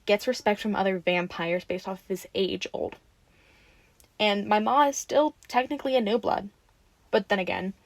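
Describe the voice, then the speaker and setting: This is a woman performing a roleplay character, a bubbly, friendly young woman given to casual rambling and playful defensiveness. The mid-range voice is close to how people normally talk, recorded with no room sound.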